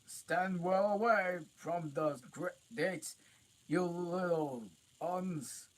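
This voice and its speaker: A man voicing a huge, clumsy, good-natured male giant with loud, rustic speech. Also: high-pitched, very slow, voice pushed up, low-quality recording. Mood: booming.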